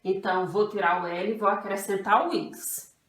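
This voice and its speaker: A woman's voice: medium pitch, steady tone, a bit bright, slight background noise. A Brazilian woman teaching an online grammar lesson to young children, patient and repetitive, calling herself "tia". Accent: Brazilian Portuguese. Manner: patient, refers to herself as "tia", repeats rules slowly. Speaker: primary school teacher. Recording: echoey room, voice from a distance.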